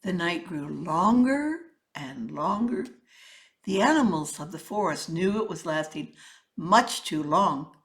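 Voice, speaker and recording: A woman reads a children's story aloud as a storyteller in a fairly low, animated voice, taking it slowly. Her telling is theatrical and emphatic, full of rhythmic sound words.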